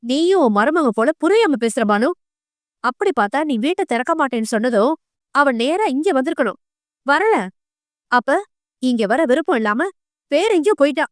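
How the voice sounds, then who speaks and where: A woman's voice: sits high, animated, fairly quick, long pauses, no echo, clean studio sound. A woman voicing a stern older mother who scolds reproachfully in an audio novel. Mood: angry.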